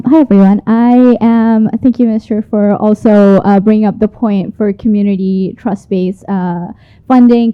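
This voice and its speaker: An earnest woman from Malaysia speaks up from the audience, feeling her way through the question with fillers. Her voice sits at a middle pitch. The sound is thin and narrow, like a phone line. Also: clean tone. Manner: earnest, searching, many fillers. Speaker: audience member asking a question.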